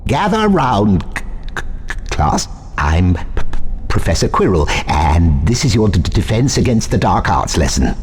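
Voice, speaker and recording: An actor playing a timid wizard professor in a video game, stuttering heavily and speaking in a hesitant, halting way. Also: male voice, on the low side, very animated, a little hiss or hum. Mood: nervous, instructive. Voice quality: heavy stutter on consonants. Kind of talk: video game character acting.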